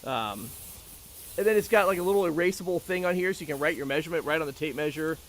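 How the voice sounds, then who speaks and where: A man with a fairly high voice chats quickly and talkatively about tools, tossing in joking asides as he shows things off. A little hiss or hum sits in the recording.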